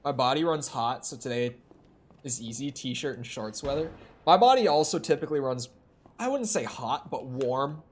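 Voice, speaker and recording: Playing a horror game on stream in a room at home, a young man rambles and pokes fun at himself, often restarting what he's saying. His medium-pitched voice is expressive and moves at a normal speed through a streaming desk mic.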